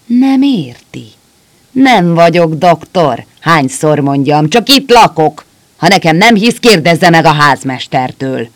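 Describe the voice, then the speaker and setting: A man voicing a drunken, surly man who shouts his refusals in a gruff voice. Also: fairly high pitch, animated. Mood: angry shouting.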